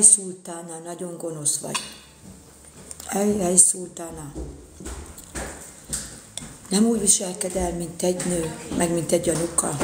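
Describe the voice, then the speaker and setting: A woman's voice: fairly low pitch, reverberant, background noise. A woman in a casual live-stream rant, indignant and repeating her phrases.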